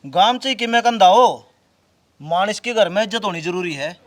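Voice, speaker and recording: A man's voice: sits high, animated, moderate pace. A man playing a proud old Haryanvi village father. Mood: wounded. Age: older. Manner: lecturing, wounded pride. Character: older village father-in-law, proud and pious.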